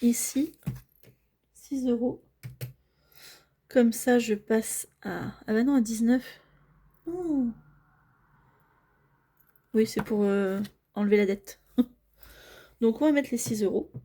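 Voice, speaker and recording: Slow, soft-spoken budgeting woman. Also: a little high, husky. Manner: chatty, apologetic, narrating each small task. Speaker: budgeting vlogger. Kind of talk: casual talk while filling cash envelopes.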